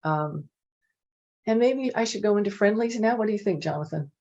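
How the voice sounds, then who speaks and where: A middle-aged woman, speaking at a medium pitch and normal speed, tells casual anecdotes as a panel presenter from her home office. She's chatty and animated, dropping lots of "you know" fillers. The video call audio is dull and lo-fi.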